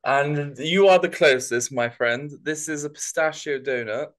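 A man co-hosting a podcast, chatting casually with playful, animated storytelling. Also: on the high side, unhurried. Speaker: podcast co-host. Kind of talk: casual chat.

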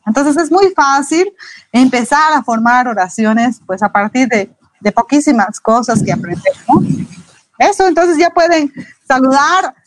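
A woman's voice: sits high, lively intonation, low-quality recording. Patient woman teaching Mandarin basics. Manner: patient, explains slowly with repeated examples. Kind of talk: live online language lesson.

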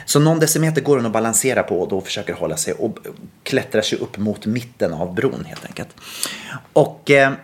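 A man hosting a podcast, telling a story casually with lively quoted dialogue and frequent restarts. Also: on the low side. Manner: animated retelling with quoted dialogue and many restarts. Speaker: podcast host.

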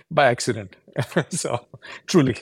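A Pakistani tech company founder in his forties appears as a podcast guest, answering earnestly and explaining at length, often restarting his sentences. His mid-range voice is animated yet extremely slow and slightly rough, and the recording has no echo.

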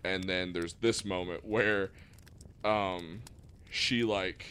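A man's voice: deep voice, fairly even intonation, slow, a bit bright, slight background noise. A man co-hosting a podcast, casually recapping a film plot in a laid-back way. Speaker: podcast co-host. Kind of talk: casual film review chat.

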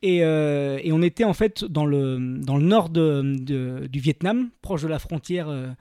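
A man who is a guest on a talk show, telling stories in a rapid, halting way with many restarts and laughs. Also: fairly high pitch, mellow, dry recording, studio quality. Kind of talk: casual chat, anecdote telling.

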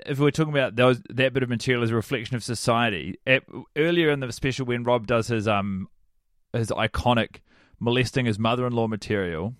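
A man's voice: medium pitch, brisk, dry recording, clean studio sound. A man co-hosting a podcast in casual chat, rambling and hesitant with wry teasing. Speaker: podcast co-host.

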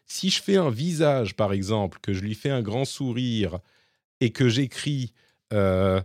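A man with a mid-range, darkish, animated voice and a slightly hybrid French accent co-hosts a casual tech podcast at a measured pace. He explains things with many fillers and restarts. The studio sound is clean, with no echo.

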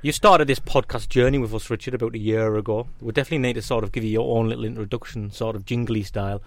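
A man's voice: mid-range voice, steady tone, fast talker, no room sound. A man hosting a football podcast in casual chat, with an informal, bantering manner.

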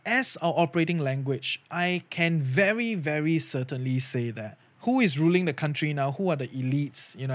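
Hosting a podcast on his own, a Singaporean man speaks casually and earnestly in a mid-range voice, often tagging his lines with "right?" and "you know". There's no echo.

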